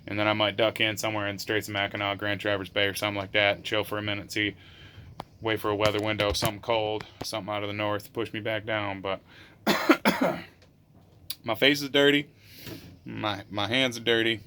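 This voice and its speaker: A man sailing alone, talking casually to the camera from his boat's open cockpit in a slangy, joking manner, hamming up mock sales pitches. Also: little pitch movement, brisk, long pauses, sharp tone, slight background noise. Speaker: solo sailor and vlogger. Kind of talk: casual vlog talk to camera. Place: open cockpit of a sailboat on a lake.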